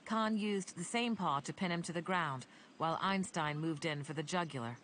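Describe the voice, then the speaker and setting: A woman narrating an audiobook in an even, measured reading. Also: low voice, a little hiss or hum.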